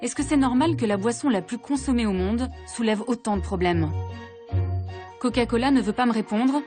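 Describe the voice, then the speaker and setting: Woman doing documentary voice-over, earnest and searching, kinda high, music underneath. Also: moderate pace. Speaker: journalist narrator. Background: background music.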